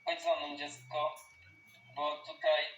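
A woman voicing a cold, menacing male vampire father in a Minecraft roleplay, speaking in a low, hushed way. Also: little pitch movement, slow. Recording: roomy, distant mic, faint hiss.

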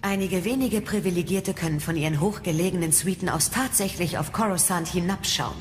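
Woman playing a coolly critical master, German radio play, lowish pitch, cavernous echo, faint music. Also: brisk, lightly acted. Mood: musing. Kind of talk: German audio drama acting.

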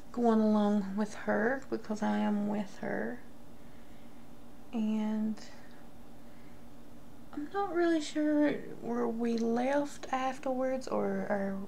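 A woman in her thirties telling a casual, confessional story to camera in a gossipy, rambling way with halting tangents. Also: mid-range voice, gravelly, a little mellow, a little hiss or hum. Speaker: vlogger. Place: small room at home, indoors.

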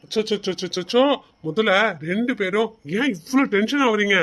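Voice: mid-range voice, brisk, a bit bright, close to an everyday voice. A performer voicing a playful young husband in a cartoon, teasing his family before the big news. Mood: calming. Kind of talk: cartoon voice acting.

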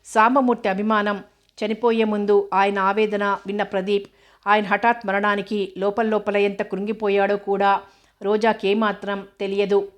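A woman narrating a novel as an audiobook, with a steady, even reading. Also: medium pitch, normal speed.

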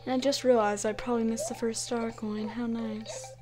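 A woman's voice: a little high, little pitch movement, moderate pace. A woman giving casual let's-play commentary at home, giggly and self-mocking, with frustrated outbursts at the game. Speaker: gaming YouTuber. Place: home at night, keeping quiet. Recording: game music behind the voice.

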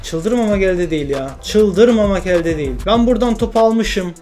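A young man commentating his own football video game play, shouting at teammates between frustrated and joking remarks. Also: high voice, expressive, normal speed, faint music behind. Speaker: gaming YouTuber.

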